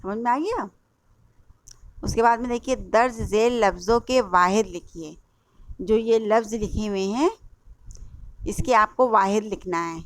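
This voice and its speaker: A woman's voice: medium pitch, measured pace, long pauses. A woman with an Indian Urdu accent teaching a class-eight lesson, spelling words out letter by letter and repeating answers as she quizzes. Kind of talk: classroom lesson explaining a workbook.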